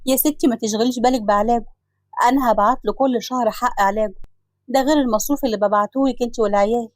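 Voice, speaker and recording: A woman's voice: on the high side, fairly even intonation, very fast, dry recording, clean studio sound, natural voice. A woman with an Egyptian Arabic accent voicing a generous married woman wronged by her siblings, speaking emotionally. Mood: warm. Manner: emotional, pleading, indignant.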